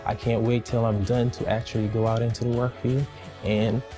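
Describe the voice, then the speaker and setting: A man from Trinidad and Tobago gives an earnest, measured personal testimonial. His voice is warm and mellow and stays flat in pitch, with soft music playing underneath. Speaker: student interviewed in a profile.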